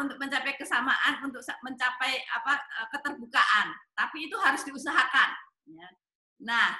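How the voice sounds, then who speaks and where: Gentle high-voiced woman counselor. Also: echoey room. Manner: gentle, hesitant, many fillers. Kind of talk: answering questions on a talk show.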